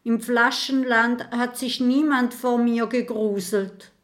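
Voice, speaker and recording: A woman's voice: on the high side, fairly even intonation, takes it slowly, voice pushed up. A woman voicing a shy, clumsy little male ghost who stammers and mixes up names. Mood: flustered sheepish.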